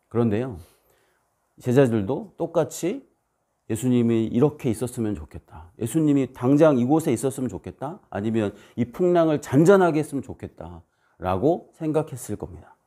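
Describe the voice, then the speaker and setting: A man preaching a sermon as a missionary, telling stories and acting out the voices and shouts in them. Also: mid-range voice, sing-song, moderate pace. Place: church.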